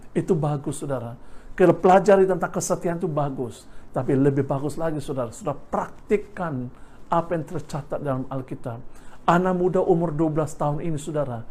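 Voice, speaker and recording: Emphatic pastor preaching. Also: male voice, a little high, a little mellow. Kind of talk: sermon.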